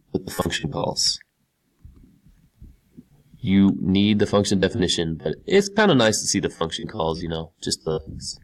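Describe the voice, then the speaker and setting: A male teacher with a fairly low voice walks through a screen-recorded tutorial. He talks casually as he clicks through each step and repeats key words to drive them home. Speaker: computer science teacher.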